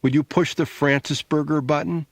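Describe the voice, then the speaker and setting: A man voicing a sharp-tongued, sarcastic adult sister, needling and scornful, in an audiobook. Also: on the high side, fairly even intonation, normal speed, no echo, clean studio sound, voice pushed up.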